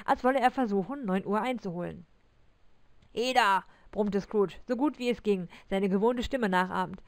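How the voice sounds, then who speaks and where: A woman reading a classic Christmas story aloud in German, narrating with expressive, lively delivery. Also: on the high side, dry recording.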